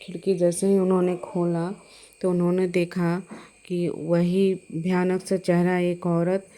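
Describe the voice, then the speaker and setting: A woman's voice: fairly low pitch, monotone, unhurried, mellow. A middle-aged woman recounting a frightening personal experience, hesitant, with many fillers and restarts. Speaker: storyteller.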